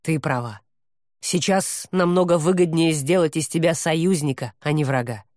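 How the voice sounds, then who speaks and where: A woman voicing a proud male demon who talks in a low, growling, contemptuous way, as in an audiobook. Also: moderate pace, a little mellow, dry recording, clean studio sound, lightly acted. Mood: calculating.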